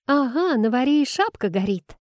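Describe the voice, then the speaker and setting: A sly young palace steward teases a rival with wide-eyed mock innocence, as a woman reads her in an audiobook. Her voice sits higher and louder than the narration, still mellow and warm. The recording is dry and close. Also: moderate pace, no room sound, close to an everyday voice. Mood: teasing.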